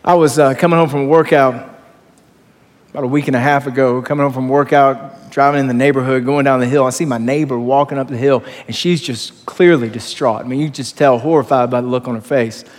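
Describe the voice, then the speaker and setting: A man preaching a sermon as pastor, telling stories in a conversational, animated way to his congregation. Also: medium pitch, fairly quick. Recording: long hall reverb.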